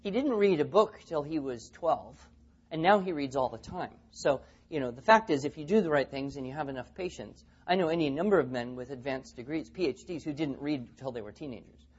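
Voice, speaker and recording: A man's voice: on the high side, animated, fairly quick, slightly rough, dull audio. A man speaking at a teaching seminar, telling stories and acting out the quotes. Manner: storytelling, acts out quotes. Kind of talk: seminar talk with anecdotes.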